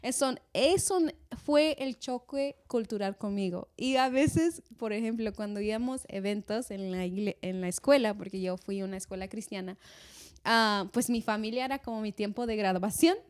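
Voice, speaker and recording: A young woman co-hosting a casual chat, animated and slipping English phrases into her Spanish. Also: medium pitch, moderate pace, clean tone. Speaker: co-host.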